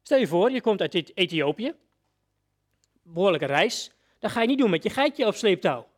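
A man's voice: high-pitched, very animated, normal speed. A man preacher giving a sermon, telling a story vividly and addressing his listeners directly.

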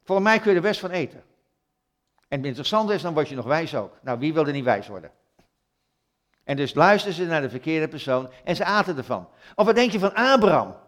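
A man's voice: a little high, very animated, fairly quick, fairly bright tone. A man preaching a sermon in a church, retelling stories conversationally with rhetorical questions.

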